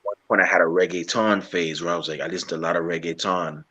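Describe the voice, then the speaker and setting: A young man from Guyana interviewing a guest in a relaxed, rambling way, often restarting his sentences. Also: sits low, breathy edge. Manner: rambling, halting with many restarts. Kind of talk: casual interview chat.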